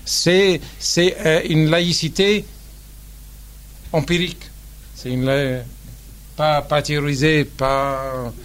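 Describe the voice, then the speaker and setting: A man's voice: on the high side, steady tone, slow pace, long pauses. A man from Tunisia speaking at a public panel debate, hesitant, with frequent fillers, restarts and wry asides.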